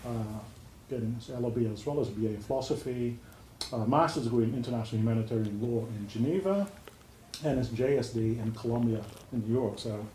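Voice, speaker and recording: A man introduces a guest speaker in a brisk, informal way, improvising as he goes. The room rings around his voice, with faint noise behind it. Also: mid-range voice, dark tone. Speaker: event host introducing a speaker. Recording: roomy hall sound with faint noise.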